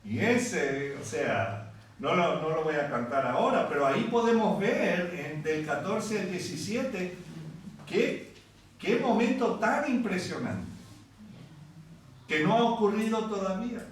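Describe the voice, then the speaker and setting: Man preaching, from venezuela, high voice, slow, echoey church hall, mic far off. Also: expressive, a little hiss or hum. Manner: unhurried, conversational, sings scripture passages. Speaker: pastor. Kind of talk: sermon.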